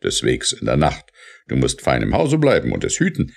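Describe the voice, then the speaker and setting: A man voicing a brisk gendarmerie lieutenant in an audiobook reading, giving a warning. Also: rumbling low, wildly swooping pitch, creaky, heavily acted.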